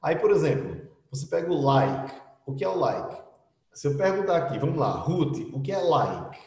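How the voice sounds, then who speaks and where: Brazilian man, middle-aged teacher, mellow tone, roomy and distant sound. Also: a little high, very animated, moderate pace. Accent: Brazilian Portuguese. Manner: chatty, explaining with frequent tag questions. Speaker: English teacher. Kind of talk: online class lecture. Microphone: computer mic in an online class. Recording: roomy echo, speaking from a distance.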